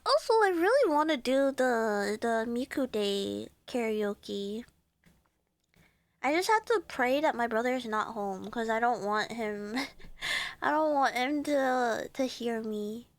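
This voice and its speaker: A woman's voice: on the high side, lively intonation, takes it slowly, dry recording. A woman streaming live in casual chat, giddy and rambling with lots of fillers, sounding congested.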